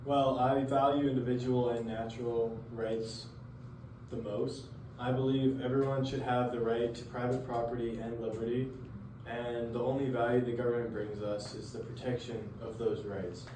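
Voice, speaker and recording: A teen boy playing a calm, principled philosopher. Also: medium pitch, moderate pace, close to an everyday voice. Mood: earnest. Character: male philosopher John Locke, calm and principled. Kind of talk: school role-play interview. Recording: roomy, distant mic, faint noise.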